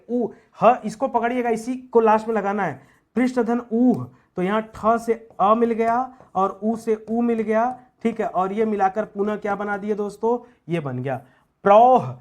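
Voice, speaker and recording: A man's voice: sits high, a little mellow. A male teacher giving an online grammar lesson, asking his students questions and drilling each point with repeated checks. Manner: repeats questions to students, calls them friends; drills points, frequent "theek hai".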